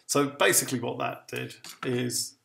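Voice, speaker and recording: Man with uneven volume, gravelly voice. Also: medium pitch, steady tone, normal speed, echoey room. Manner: thinking aloud, restarts, brief laughs. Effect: uneven volume, levels jumping loud and soft. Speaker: music tech demonstrator. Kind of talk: casual screen-recorded tutorial.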